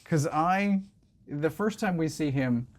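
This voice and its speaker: A man's voice: fairly high pitch, expressive, slow pace. A man co-hosting a movie review podcast, talking bluntly and casually, with exasperated rants. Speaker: podcast co-host.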